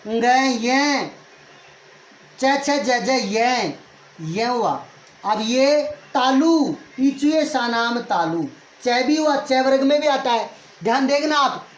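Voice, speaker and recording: A man teaching grammar at a board, asking questions and answering them himself, repeating each point many times. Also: extremely high pitch. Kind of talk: classroom lecture at a board. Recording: echoey room with faint noise.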